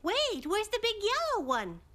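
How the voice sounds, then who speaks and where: A woman voicing a bossy, quick-witted, determined little girl in a children's cartoon, speaking decisively and plainly. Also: very high-pitched, wildly swooping pitch, fairly bright tone, faint music behind, exaggerated voice.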